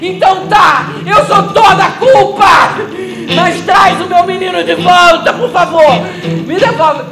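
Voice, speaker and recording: A woman's voice: sits high, a little slow, crowd noise. An actress playing a grieving mother who lost her son, in an intense, pleading theatre monologue. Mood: desperate. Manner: intense, pleading, breaking into shouts. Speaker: stage actress. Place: theatre stage. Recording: echoey theatre with loud music.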